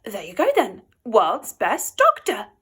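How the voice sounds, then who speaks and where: A woman voicing an adult woman doctor who answers a child in a brisk, matter-of-fact way. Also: mid-range voice, huge pitch swings, a bit bright, slightly rough, full character voice. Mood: patient.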